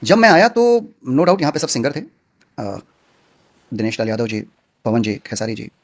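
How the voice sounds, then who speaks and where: A man's voice: mid-range voice, big pitch swings, moderate pace. A man answering interview questions as a film actor, speaking earnestly and outspokenly with emphatic stresses.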